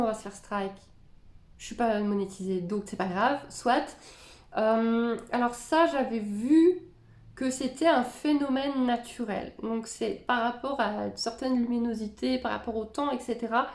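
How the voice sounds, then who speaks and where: A woman's voice: a little high, darkish tone, reverberant. A woman giving casual reaction commentary on videos, musing and chatty, reading captions aloud and then weighing in. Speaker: spiritual content creator reacting to videos.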